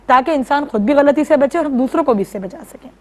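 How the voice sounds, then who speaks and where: A woman religious scholar on a studio talk show, explaining steadily and listing examples. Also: sits high. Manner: steady, didactic, lists examples. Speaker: female religious scholar guest.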